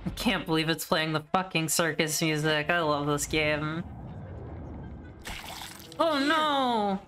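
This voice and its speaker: A woman's voice: low voice, animated, slow pace, a bit bright, soft background music. A woman streaming a video game with casual, sweary commentary, exclaiming and talking to herself as she plays. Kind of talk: casual reactive let's play commentary.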